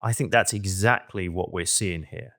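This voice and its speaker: A man's voice: sits low, moderate pace, a bit bright. A man co-hosting a history podcast, discussing a quote in a thoughtful, agreeable way. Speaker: podcast co-host. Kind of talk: casual discussion.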